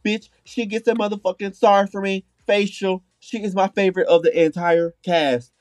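Sassy campy guy talking like a drag queen, foul-mouthed podcast banter, slightly high voice, close dry sound. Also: steady tone, moderate pace, no echo. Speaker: podcast co-host. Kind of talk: casual reality-show review banter.

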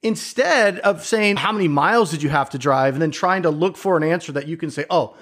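A man's voice: fairly high pitch, brisk, fairly bright tone. A middle-aged man in a casual chat who tells stories with energy, acts out other people's reactions and swears casually.

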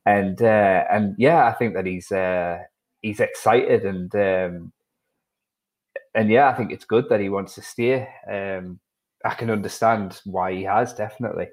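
A man's voice: fairly low pitch, unhurried. A man with a North East England accent chatting casually as a football podcast panellist, hesitantly thinking aloud. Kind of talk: casual chat.

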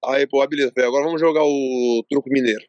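A man's voice: medium pitch, steady tone, racing, dry recording. A man from Brazil, a fighter guest on a podcast, telling a rambling anecdote and acting out what each person said. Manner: rambling storytelling, acts out quoted dialogue. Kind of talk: casual interview chat.

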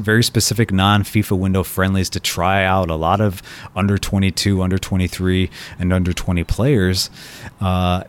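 A man from Colombia giving solo soccer commentary, thoughtful and prone to restarting his sentences. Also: deep voice. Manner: thoughtful, frequent restarts and repeated words. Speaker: soccer writer and podcast host.

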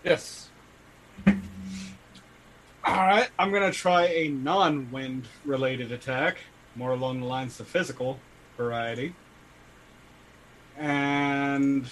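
A young adult man playing in an online tabletop game, working out his moves and dice aloud deliberately. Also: medium pitch, a bit bright, a little hiss or hum, poor audio. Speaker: player. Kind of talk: tabletop game chat over voice call.

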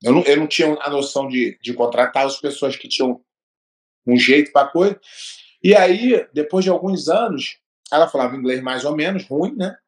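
A man's voice: fairly high pitch, expressive, moderate pace. Emphatic Brazilian man telling stories. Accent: Brazilian Portuguese. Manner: storytelling, emphatic, acts out dialogue. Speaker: gym owner and martial arts coach. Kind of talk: casual podcast chat.

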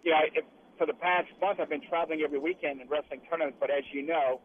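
A man's voice: on the high side, steady tone, fast. A man chatting casually as a radio guest, calling in from inside a truck cab as it travels. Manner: speaking from inside a truck cab while riding. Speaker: guest, liquor brand representative. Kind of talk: casual radio interview by phone. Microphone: phone call. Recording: tinny phone line with clear noise. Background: truck cab noise.

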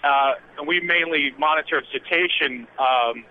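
A middle-aged man calling in over a clipped phone line from a vehicle on the highway, telling a rambling story in a quick, chatty way. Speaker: caller. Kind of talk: call-in storytelling. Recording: tinny phone line with faint road noise.

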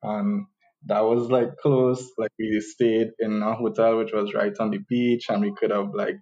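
A man from Trinidad with a Trinidadian accent, a podcast guest chatting casually and relaxed. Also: on the low side, a little slow. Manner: relaxed, many "like" fillers. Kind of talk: casual interview chat. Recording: dull lo-fi call audio.

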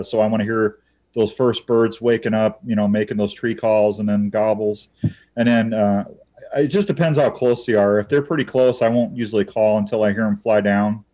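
A man's voice: lowish voice, darkish tone. A man talking as a podcast guest, explaining hunting methods step by step in a folksy, casual way. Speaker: podcast guest, turkey bowhunter. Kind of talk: casual interview chat.

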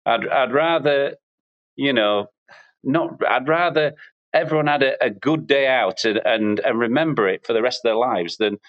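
A man, a farmer talking in a relaxed, matter-of-fact way in a casual interview. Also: medium pitch, normal speed, dry recording, highs cut off. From Barnsley, England. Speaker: farmer and business owner.

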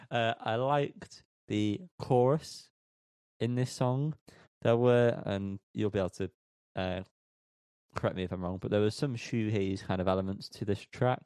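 A man's voice: lowish voice, unhurried, a little mellow, smooth, no echo, studio quality. A man co-hosting a music podcast, joking around and tripping over band names. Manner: jokey, laughing, stumbles over names. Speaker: podcast co-host reviewing music. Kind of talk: casual chat.

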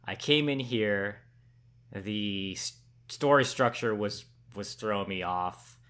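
A man's voice: on the low side, slow, a bit bright. A man co-hosting a podcast, giving a casual film review in a thoughtful way and often restarting his sentences. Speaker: podcast co-host.

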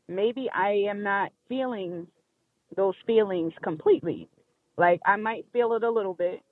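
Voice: mid-range voice, no room sound. A person talking over a phone call that keeps breaking up, speaking casually and openly, rambling a little and swearing now and then. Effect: heard over a phone call that keeps breaking up. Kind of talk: casual heartfelt chat. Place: driving through a wooded area. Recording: muffled, dull phone line.

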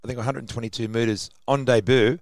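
A man's voice: medium pitch, steady tone, fast, dry recording. Australian man co-hosting, close dry sound. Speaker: sports radio co-host. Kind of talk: casual sports chat.

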